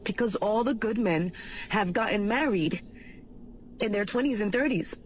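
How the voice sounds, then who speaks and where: A woman's voice: mid-range voice, normal speed, a little hiss or hum. A woman in her forties speaking candidly and tearfully in a confessional vlog. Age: 40s.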